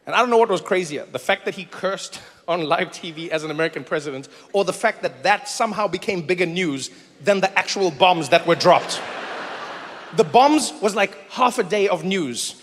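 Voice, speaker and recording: A man performing a stand-up comedy set on stage, telling stories animatedly and shifting between loud bursts and quiet asides. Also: high voice, lively intonation, moderate pace, in a large hall.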